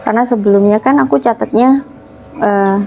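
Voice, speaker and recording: A young woman from Papua, Indonesia, relaxed and chatty as an interview guest, telling her story and acting out her family's words. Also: fairly high pitch, moderate pace, muffled recording, a little hiss or hum. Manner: relaxed, acts out family dialogue in quotes.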